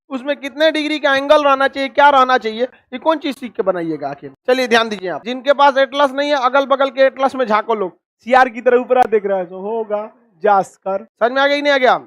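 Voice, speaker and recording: A man's voice: extremely high pitch, fairly bright tone, dry recording, clean studio sound. A man giving a classroom lecture as a teacher, blunt and scolding, full of rhetorical questions.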